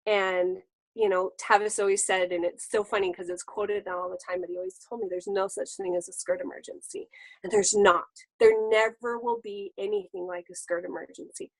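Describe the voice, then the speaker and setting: A woman giving an enthusiastic, animated pep talk as a guest on a team webinar over a video call. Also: medium pitch, normal speed, dry recording, poor audio. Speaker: guest speaker.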